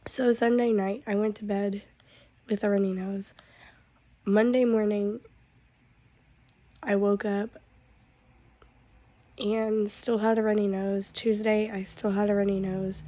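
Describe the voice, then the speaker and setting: A woman vlogger whose voice is hoarse and rough from a cold, and she sounds stuffed up and drowsy. She talks slowly in a flat, mellow tone. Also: medium pitch, dry recording. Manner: drawn-out, weary talk with a cough. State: hoarse from losing her voice. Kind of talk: casual vlog update.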